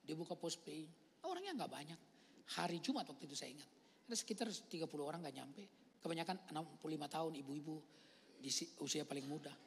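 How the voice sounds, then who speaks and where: A male pastor preaching a lively storytelling sermon, swinging from loud outbursts to hushed near-whispers and acting out the voices he quotes. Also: on the high side, fast talker, creaky, slight background noise. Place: church hall. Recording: long reverb of a large church hall.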